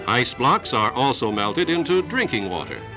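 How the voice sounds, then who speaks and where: A man narrating an old newsreel in a measured, declarative announcer delivery. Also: medium pitch, big pitch swings. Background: music score.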